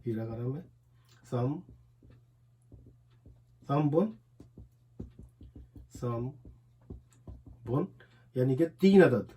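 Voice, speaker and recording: A man with an Urdu accent teaching a language lesson, explaining as he writes and repeating each word slowly, syllable by syllable. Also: medium pitch, expressive, dark tone, a little hiss or hum. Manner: repetitive, drills words slowly one syllable at a time. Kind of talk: explaining a lesson while writing on a board.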